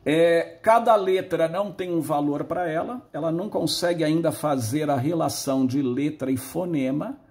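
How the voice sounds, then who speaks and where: A man's voice: fairly high pitch, normal speed, hardly any pauses, darkish tone. A male teacher giving a patient, explanatory lesson and drawing out words when he models them. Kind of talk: recorded lesson on early literacy.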